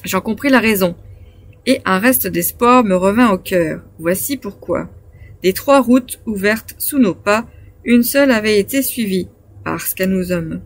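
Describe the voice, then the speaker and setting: Woman reading a classic novel aloud. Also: mid-range voice. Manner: measured, phrase-by-phrase reading. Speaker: audiobook reader.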